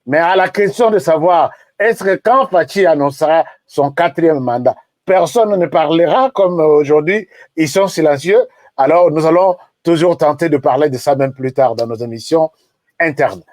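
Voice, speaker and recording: A man's voice: on the high side, moderate pace, a little mellow, no room sound. A man hosting a political talk show, wrapping up with many hesitations and filler sounds.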